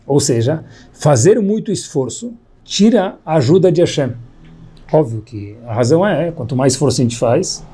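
A man gives a storytelling Torah lesson to his listeners, voicing each character's lines in turn. His voice sits a bit high but sounds dark and husky. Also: normal speed. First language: Hebrew terms mixed in. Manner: animated storyteller, acts out quoted dialogue. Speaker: rabbi teaching a Torah class.

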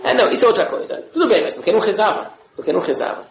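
A man giving a classroom religious lesson, animated and often checking in with his listeners. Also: sits high, rapid-fire, reverberant, low-quality recording. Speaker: religious teacher.

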